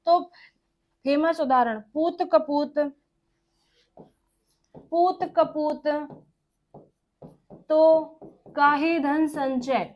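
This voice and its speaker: A woman teacher with a high voice gives an exam-prep grammar lesson. She talks at an unhurried pace and dictates slowly. She repeats each phrase for note-taking and answers the questions she puts to her class. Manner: asks questions and answers them herself.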